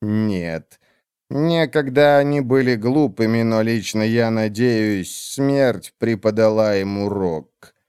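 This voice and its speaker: A man reading an audiobook, voicing an ancient undead witch with a slow, low, measured delivery. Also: a little mellow, clear, resonant tone, no room sound, studio quality. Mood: cold. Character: ancient undead female witch, cold and scheming.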